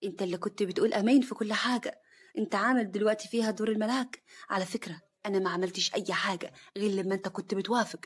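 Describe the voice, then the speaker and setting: A woman voicing a scheming, spiteful young wife who sneers and shouts, in a husky, breathy voice. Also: medium pitch, rapid-fire, close to an everyday voice. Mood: sneering.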